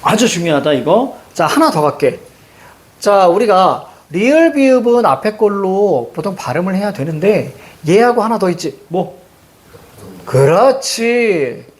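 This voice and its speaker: A man teaching a Korean grammar lesson, peppering his explanation with quick questions to the class. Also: high-pitched. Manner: lively, rhetorical questions to students, frequent "자".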